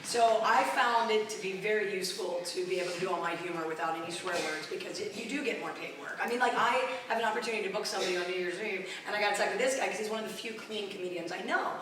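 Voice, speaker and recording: Fast-talking woman comedian, echoey room. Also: medium pitch, background noise. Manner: rapid, self-mocking and emphatic. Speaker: comedian panelist. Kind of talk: casual panel talk. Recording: echoey room, distant mic.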